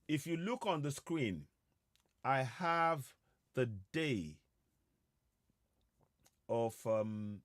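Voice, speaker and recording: A Yoruba-speaking man from Yorubaland in West Africa hosts an online broadcast, giving a live advocacy monologue to viewers. His medium-pitched voice is animated, yet he speaks slowly and haltingly, repeating himself with many hesitations. The recording is dry, with clean studio sound.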